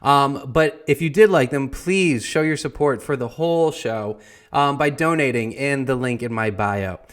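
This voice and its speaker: This young founding-father printer is a jokey teacher, voiced by a man whose medium pitch sounds close to everyday speech. He moves a little slowly through a wry, playful comedic history lesson.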